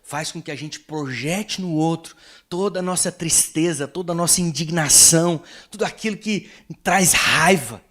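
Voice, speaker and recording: Male Brazilian preacher, fairly high voice, emphatic delivery, vivid storytelling. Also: normal speed, a bit bright. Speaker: pastor. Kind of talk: sermon.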